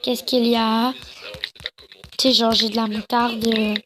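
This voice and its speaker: High-voiced woman playing a game. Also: little pitch movement, a little slow, noisy background. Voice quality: joking, giggly, crude asides. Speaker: gamer. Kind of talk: casual let's play, reading game dialogue aloud.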